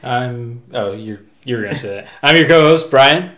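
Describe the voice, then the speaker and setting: A man's voice: medium pitch, expressive, normal speed, a bit bright. A man talking casually as a podcast co-host. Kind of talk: casual chat.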